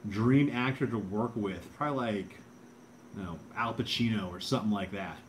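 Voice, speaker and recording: A man's voice: on the low side, normal speed, slight background noise. Hesitant young man chatting on a livestream. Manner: hesitant, mumbling, self-deprecating. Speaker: livestream host. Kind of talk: casual livestream chat, reading viewer comments.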